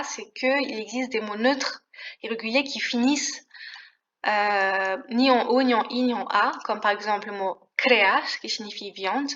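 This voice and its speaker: A woman's voice: medium pitch, fairly bright tone, highs cut off, a little hiss or hum. A woman teaching a language lesson in a casual, hesitant way, with fillers and self-corrections. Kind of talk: explanatory lesson.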